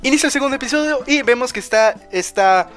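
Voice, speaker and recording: A man's voice: extremely high pitch, expressive, fast, fairly bright tone. Guy rambling through an anime recap on a podcast, lots of "no sé qué", bit of music way in the back. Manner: rambling retelling full of fillers and "que no sé qué". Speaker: podcast co-host. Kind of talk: casual chat recapping an anime episode.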